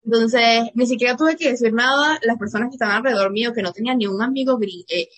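A woman's voice: a little high, quick pace, fairly bright tone. A young woman from Venezuela with a Venezuelan accent, a student guest telling a personal story with many fillers. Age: young adult.

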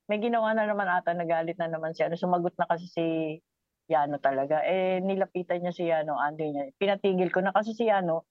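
An older woman, a guest, gently telling family stories in a casual podcast chat. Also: lowish voice, fast talker, no echo, dull audio. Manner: gentle storytelling.

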